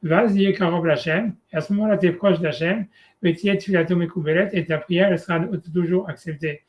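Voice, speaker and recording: Guy rabbi giving a chill torah class, lots of "tu vois" and ums, drops hebrew words in, voice a bit on the high side. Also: fairly even intonation, fairly quick. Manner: casual, hesitant, many fillers and "tu vois"; mixes Hebrew terms into French. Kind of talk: informal one-on-one Torah lesson.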